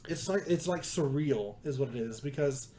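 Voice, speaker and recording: A man co-hosting a podcast, telling an animated story in casual chat and laughing often. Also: medium pitch, normal speed. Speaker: podcast co-host.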